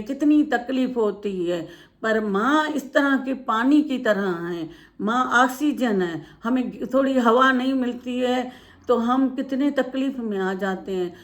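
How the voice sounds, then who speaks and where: A woman tells a devotional moral story in an earnest, repetitive way. Her speech is full of fillers, and her voice sits a little higher than most women's.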